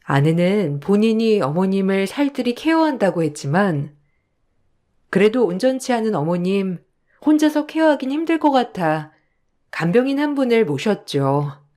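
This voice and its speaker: A woman's voice: mid-range voice, sing-song, normal speed, dark tone. A woman narrating a first-person radio story in a reflective, heartfelt way.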